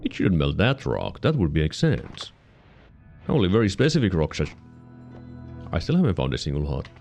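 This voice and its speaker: A man giving casual let's-play commentary, musing to himself with sudden excited yelps. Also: low-pitched, gravelly, faint music behind. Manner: musing, self-talking, quick excited yelps. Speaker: gaming channel host.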